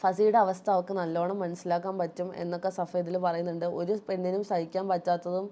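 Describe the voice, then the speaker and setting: A woman's voice: fairly low pitch, little pitch movement, fast talker, mellow. A woman vlogger with a Malayali accent, telling viewers a personal story in an aggrieved, emphatic way.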